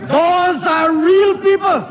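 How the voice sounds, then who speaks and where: A man's voice: very high voice, steady tone, slow, crowd noise. A man with a Guyanese accent, a government minister delivering a formal budget speech in parliament, emphatic and repeating lines for emphasis. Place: parliament chamber.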